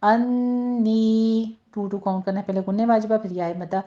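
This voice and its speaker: A woman teaching Quran recitation rules, explaining each point patiently and slowing right down to model the words herself. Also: mid-range voice, little pitch movement, dark tone. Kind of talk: tajweed lesson with slow recitation. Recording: slightly dull lo-fi sound.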